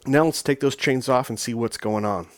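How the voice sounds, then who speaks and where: A gaming channel host casually talks over his truck-driving gameplay, rambling with frequent ums and restarts. His voice is mid-range and his speed normal.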